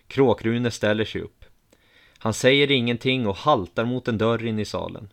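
A man calmly reading a first-person story aloud in an even, measured way. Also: medium pitch, vocal fry. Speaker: narrator.

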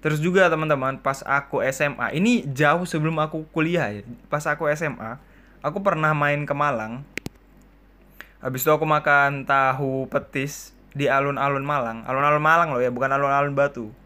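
A young man from East Kalimantan talks through a casual solo podcast, trading stories and answering listener questions with a joking, chatty manner. His voice sits a little high for a man. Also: normal speed. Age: 20s. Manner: chatty, joking, quotes people in lively voices. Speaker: podcast host.

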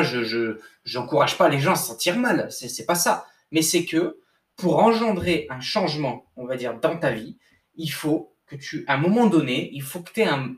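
A young man, a sports coach, giving a casual motivational talk with lots of restarts and slang. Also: a little high. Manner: informal, repetitive restarts, addresses listener as bro. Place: at a desk indoors. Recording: echoey room, mic at a distance.

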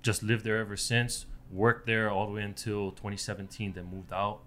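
Halting man, low voice. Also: little pitch movement, fairly bright tone, slight background noise. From Hawaii. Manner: halting, many filler pauses. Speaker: guest. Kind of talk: casual podcast chat.

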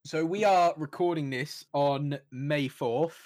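A man's voice: on the high side, slow pace, darkish tone, dry recording. A young man hosting a podcast, bantering casually in a jokey, teasing way with his co-hosts. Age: young adult. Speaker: podcast host.

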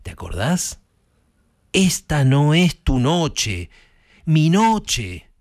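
A man's voice: on the high side, sing-song, drawn-out words, dry recording, clean studio sound, voice pushed up, heavily acted. A man with an Argentine accent voicing a bitter, washed-up young boxer who reproaches his brother. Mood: reproachful. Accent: Argentine Spanish. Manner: hurt, accusing, rising to outburst.

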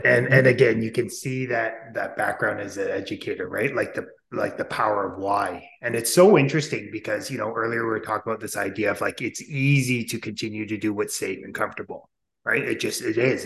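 A male podcast host responds warmly and enthusiastically to his guest's ideas. His voice sits on the lower side. The recording has a noticeable room echo. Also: brisk, gravelly. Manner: enthusiastic, affirming. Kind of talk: casual interview conversation. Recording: echoey room.

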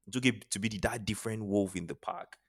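With a voice on the low side and a quick pace, a Nigerian-accented man speaks as a podcast guest and charity founder. He is earnest and motivational in the interview, repeating phrases to stress them.

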